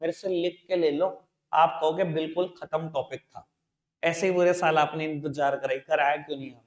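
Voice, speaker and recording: A high-pitched man with an Indian accent teaches accounts, calling his students beta and babu as he coaxes them along. He dictates each entry slowly and repeats key points. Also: steady tone. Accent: Indian English mixed into Hindi. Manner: addresses students as beta and babu, coaxing and repetitive; dictates slowly, spelling out entries. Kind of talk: classroom lecture.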